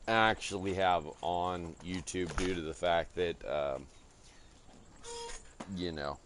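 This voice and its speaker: Deep-voiced and profane, a gaming streamer from California rambles crudely as he plays. There's slight background noise in the clip.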